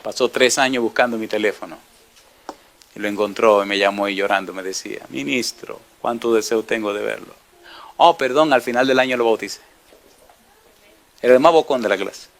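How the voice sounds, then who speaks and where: A man's voice: lowish voice, brisk, pauses often. A middle-aged man preaching a sermon as pastor, telling anecdotes, acting out dialogue and firing rhetorical questions at the congregation. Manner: animated storyteller, acts out dialogue, asks rhetorical questions.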